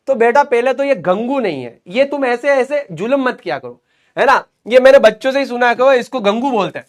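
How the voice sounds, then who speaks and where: High-voiced man teaching. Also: fairly quick. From Rajasthan, India. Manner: lively and joking, repeats questions and answers for drilling. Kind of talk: explanatory lesson.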